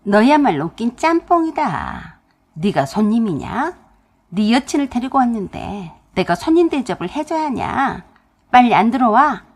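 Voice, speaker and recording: A woman voicing a harsh, money-minded older mother-in-law who scolds loudly and interrogates, in a husky voice. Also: a little high, very animated, normal speed. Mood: scolding.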